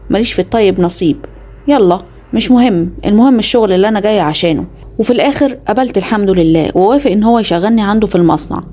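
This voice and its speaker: A young woman with an Egyptian Arabic accent rushes through a first-person story at a very rapid pace. Her dark, mellow, medium-pitched voice sounds confiding and dramatic, like an inner monologue.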